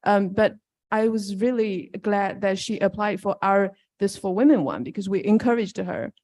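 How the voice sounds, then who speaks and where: A woman's voice: mid-range voice, moderate pace, darkish tone. A woman who organizes a university program, answering on a panel in a hesitant, earnest way with many fillers.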